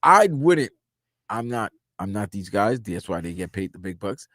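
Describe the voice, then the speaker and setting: Deep voice sports radio cohost dude, emphatic, keeps restarting, dry studio. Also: male voice, normal speed, no room sound. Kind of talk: postgame radio analysis.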